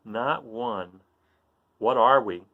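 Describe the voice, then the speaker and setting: A man hosts a children's read-aloud, reading a picture book and chatting encouragingly while often asking his listeners questions. His voice is medium-pitched and very slow, and the audio sounds narrow and tinny.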